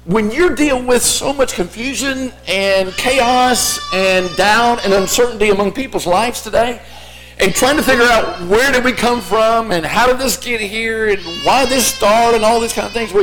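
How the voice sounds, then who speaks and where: A man's voice: sits high, normal speed, over music, low-quality recording. A man preaching a sermon as a teacher would, explaining point by point and posing rhetorical questions. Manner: explanatory, rhetorical questions in imagined listeners' voices.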